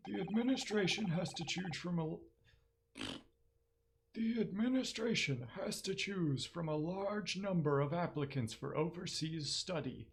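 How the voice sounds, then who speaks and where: A man doing a measured, formal old professor. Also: high voice, a little hiss or hum, low-quality recording. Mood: grave. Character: courteous elderly male professor, formal and measured. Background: game music.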